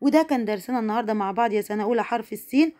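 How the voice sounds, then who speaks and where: A woman with an Egyptian Arabic accent leads a first-grade phonics lesson, stretching syllables out slowly and cheering the pupils on. Her voice sits a little high but sounds soft and mellow. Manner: slow, drawn-out syllable sounding with praise for pupils. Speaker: primary school teacher.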